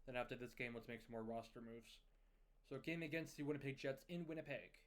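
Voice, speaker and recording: Man calmly recapping hockey game scores. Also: mid-range voice, brisk. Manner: steady, conversational recap of scores and lineup moves. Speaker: video game commentator. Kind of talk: casual play-by-play commentary over a hockey management game.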